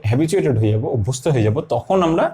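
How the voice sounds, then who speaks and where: A man with a Bengali accent teaching maths, patiently explaining each step slowly and repeating himself, asking questions and then answering them. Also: medium pitch, expressive, dark tone. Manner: asks and answers his own questions.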